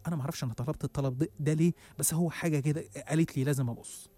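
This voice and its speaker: A man's voice: fairly high pitch, steady tone, very fast, mellow. A man with an Egyptian Arabic accent narrating a suspenseful first-person horror story. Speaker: storyteller host.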